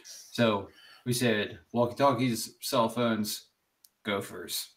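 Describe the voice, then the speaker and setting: Male player, low gravelly voice, careful and deliberate in casual game chat. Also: fairly even intonation, crowd noise.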